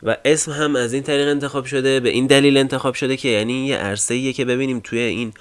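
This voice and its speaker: A man hosting a casual screen-recorded software tutorial, explaining step by step with frequent fillers and trailing line ends. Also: medium pitch, fairly even intonation, smooth. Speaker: tech tutorial host.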